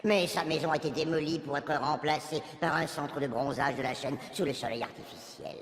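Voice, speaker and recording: A man's voice: a little high, fairly even intonation, a little fast, a crowd in the background, natural voice. An actor playing a showman-like auctioneer, giving a formal stage introduction in a French-dubbed cartoon. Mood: showy, presenting. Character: male auctioneer host introducing homeless ghosts on stage. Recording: long hall reverb, loud background noise.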